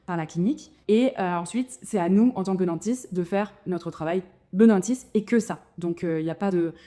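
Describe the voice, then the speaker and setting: A French-speaking dentist in her thirties chats casually to camera about moving abroad, her mid-range voice dark in tone. She uses lots of fillers and restarts as she shares her expat experience.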